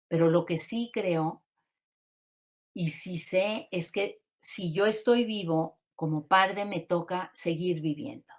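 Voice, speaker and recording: Woman counselor talking thru grief, calm and reflective, lowish voice. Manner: calm and reflective, poses rhetorical questions. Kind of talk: teaching talk on grief.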